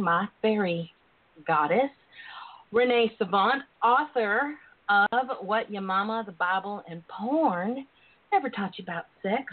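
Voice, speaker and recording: A woman with a Southern US accent, talking casually and candidly as a chatty, playful, folksy talk show host. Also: medium pitch. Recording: tinny, phone-like internet radio line.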